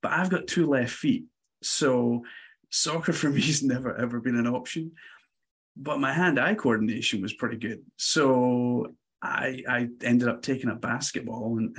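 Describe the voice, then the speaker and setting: A Scottish man in his forties with a Glasgow accent appears as a podcast guest, casually telling stories about himself in an interview. His mid-range voice is a little slow with a breathy edge, and he's relaxed and chatty, laughing lightly.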